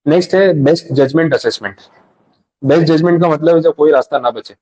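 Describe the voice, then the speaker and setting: A man's voice: on the high side, darkish tone, no room sound, muffled recording. A man giving a live revision lecture in a chatty way, acting out short bits of dialogue. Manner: fast, conversational, acts out little dialogues.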